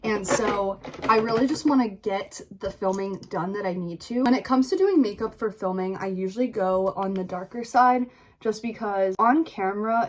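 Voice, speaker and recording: Chatty young woman vlogging at home. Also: medium pitch. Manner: chatty, says "like" a lot. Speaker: influencer vlogger. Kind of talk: casual vlog narration. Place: home, bedroom and bathroom.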